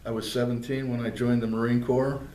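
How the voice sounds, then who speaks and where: Speaking fairly quickly in a mellow, mid-range voice with little pitch movement, an older man from northeastern Pennsylvania describes his military service. The oral history interview takes place in a public library room, and the recording is roomy with faint background noise. His plainspoken account is dotted with fillers and restarts.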